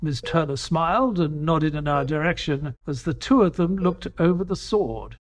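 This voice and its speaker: An actor playing Dr. Watson, an inquisitive companion who narrates an audio play in an earnest, storytelling way. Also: male voice, a little high, moderate pace, close to an everyday voice. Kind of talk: audio drama narration and dialogue.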